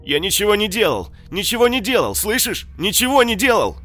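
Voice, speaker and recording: A man reading an audiobook, voicing a crude adult male looter who shrieks and babbles in a high, shrill, hysterical voice. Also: sing-song, normal speed, fairly bright tone, faint music behind. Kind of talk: audiobook character voice.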